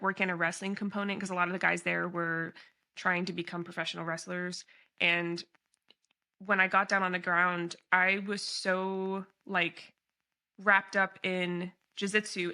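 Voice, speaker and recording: A woman hosts a casual podcast, her voice bright and clear. She tells her stories in an animated, lively way, with plenty of fillers and easy laughter. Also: fairly low pitch. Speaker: podcast host.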